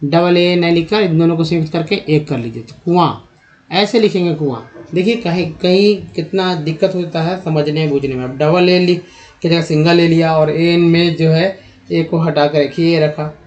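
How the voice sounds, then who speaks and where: A man teaching English reading in a slow spoken lesson, reading word lists aloud and speaking to viewers as friends. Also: on the high side, darkish tone. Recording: dull lo-fi recording.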